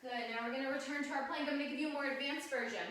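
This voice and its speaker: Female aerobics instructor, higher-pitched, encouraging cueing and counting, recorded off-mic in a very echoey home room. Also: fairly even intonation, very fast, a bit bright. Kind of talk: live home workout class instruction. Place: sunny room at home, indoors. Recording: very echoey room, distant mic, faint noise.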